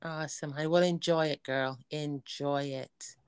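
A woman hosts a relaxed podcast conversation with a slightly low voice. She heaps affection on her guest with pet names and encouragement. The sound is dry and close. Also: moderate pace, clean tone, dry recording. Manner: affectionate, calls guest honey and girl. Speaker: podcast host. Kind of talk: casual podcast chat.

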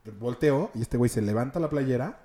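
A man's voice: mid-range voice, a little fast, warm tone. A young Mexican man telling a story among friends in casual chat, laughing at his own mishaps. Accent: Mexican Spanish.

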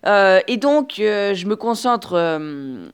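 A woman's voice: mid-range voice, sing-song, takes it slowly, smooth. A woman hosts a casual solo podcast, speaking directly to her listener with chatty encouragement. Her talk stops and restarts, full of filler sounds. She records on a simple earphone microphone. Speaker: podcast host. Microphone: earphone headset mic.

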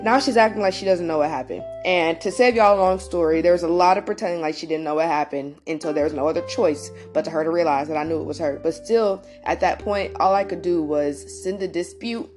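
A woman's voice: lowish voice, brisk, few pauses, faint music behind. A young adult woman hosting, telling a personal story in a casual, emphatic way and speaking straight to her listeners. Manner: animated, emphatic, addresses listeners directly, swears. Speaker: host.

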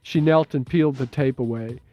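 A man narrating an audiobook in a measured, steady, low-key way. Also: highs cut off. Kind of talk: scripted narration.

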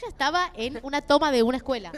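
A woman's voice: sits high, expressive, quick pace. A young adult woman with an Argentine accent, chatting eagerly on a podcast and cueing up audio clips. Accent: Argentine Spanish. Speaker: podcast co-host. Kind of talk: casual chat.

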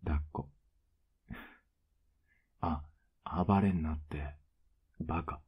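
Whispered role-play, male voice actor as a doting older boyfriend: husky, very low, flat and coaxing. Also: very slow, phone-quality sound, full character voice. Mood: teasing tender. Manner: teasing, soft-spoken, coaxing.

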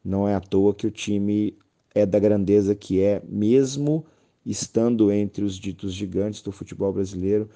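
A man's voice: on the low side, steady tone, unhurried, dark tone. A Brazilian man talking reflectively and casually as a guest on a podcast.

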